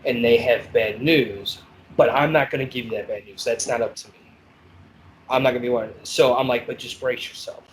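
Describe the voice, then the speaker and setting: A man's voice: medium pitch, a little hiss or hum, low-quality recording. Blunt profane man telling prison stories. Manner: blunt, profane, animated storytelling. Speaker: podcast host, former corrections officer. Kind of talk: casual storytelling chat.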